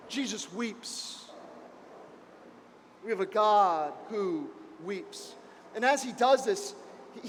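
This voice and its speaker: A man preaching as pastor, impassioned, moving between hushed and raised passages. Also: extremely high pitch, big-room sound, slight background noise. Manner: impassioned, swings between soft and loud. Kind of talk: sermon. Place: church.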